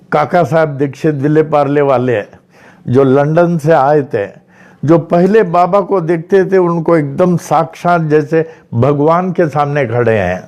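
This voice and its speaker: A man from Maharashtra telling devotional stories in a slow, repetitive way, like a spiritual teacher addressing followers. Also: on the high side, darkish tone. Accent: Maharashtra, India. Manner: slow storytelling with repeated phrases. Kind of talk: devotional discourse.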